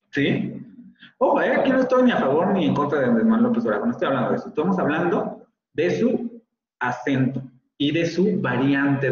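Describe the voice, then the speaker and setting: A man with a Mexican Spanish accent gives a university lecture over an online class, his voice sitting a little higher than most men's. He explains patiently and keeps pausing to check that students follow. The sound is heavily echoey and somewhat dull, like a computer mic in a bare room. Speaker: university teacher.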